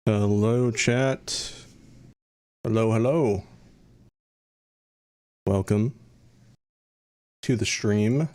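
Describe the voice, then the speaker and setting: A relaxed man with a low voice talks to his livestream chat through a headset mic. He speaks slowly and unhurried, repeats his greetings and talks straight to the viewers at home. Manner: laid-back, repeats his greetings, addresses the chat directly. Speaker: livestream host and project director.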